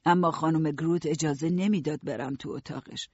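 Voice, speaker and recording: A husky, slightly high man's voice reads a story aloud in the first person, steady and even. The recording is dry and dull, like a lo-fi studio. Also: no echo. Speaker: narrator. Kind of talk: audiobook narration.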